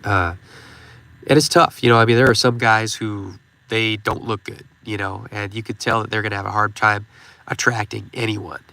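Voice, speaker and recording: Hosting his channel's stream, a congested man in his thirties offers loose, rambling advice peppered with "you know." His voice sits fairly low, with a steady tone, moderate pace, vocal fry, and a pushed, bright edge.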